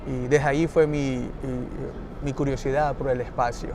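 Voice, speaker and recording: In a roundtable conversation, a man with an Ecuadorian Spanish accent, a NASA engineer, talks with lots of restarts and an easy laugh. He speaks at a moderate pace in a level, medium-pitched voice, with noise in the background.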